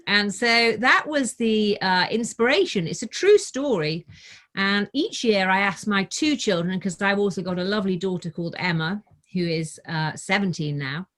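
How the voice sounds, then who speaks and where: Here the guest author, a middle-aged woman, sounds animated and a bit bright in a mid-range voice at a moderate pace. She tells a casual story for children, then moves into a read-aloud of her picture book.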